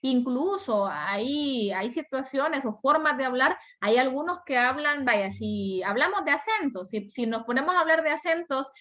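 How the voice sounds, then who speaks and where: A woman's voice: high voice, animated, moderate pace, few pauses, a bit bright, highs cut off. Salvadoran woman teaching an online class. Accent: Salvadoran Spanish. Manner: explanatory, asks and answers her own questions. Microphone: video call.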